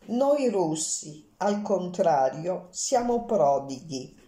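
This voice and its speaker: A woman's voice: lowish voice, sing-song, takes it slowly, dark tone, roomy sound. A woman doing a cool, elegant countess. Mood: coolly amused. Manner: light, polite, detached.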